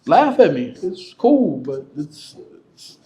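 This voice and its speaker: A man's voice: a little high, very animated, takes it slowly, mellow, dull audio. Man, casual frank storytelling, laughs often, live audience guest. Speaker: featured guest speaker.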